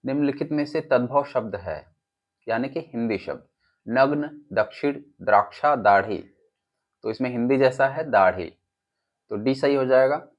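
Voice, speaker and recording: A man teaching exam prep reads quiz questions and options aloud, then explains the correct answers, speaking with an Uttar Pradesh Hindi accent. His medium-pitched delivery is unhurried, and the audio is dull and lo-fi.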